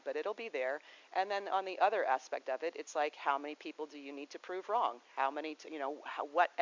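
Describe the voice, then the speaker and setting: A woman's voice: sits low, highs cut off. A woman yoga teacher giving a casual spoken lesson, rambling and digressive, often restarting her sentences.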